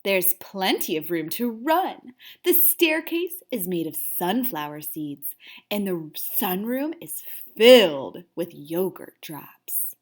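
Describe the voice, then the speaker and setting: Woman putting on a slow, scornful storybook cat. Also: fairly low pitch, very animated, voice pushed down, heavily acted. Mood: sly, tempting. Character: aloof, scornful, scheming female house cat. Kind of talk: children's storybook read-aloud.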